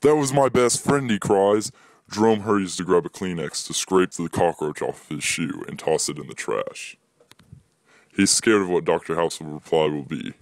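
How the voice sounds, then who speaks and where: A man's voice: normal speed, dry recording. A young man reading his own short story aloud, lifting his voice for the dialogue. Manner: plain reading, voices dialogue with higher pitch.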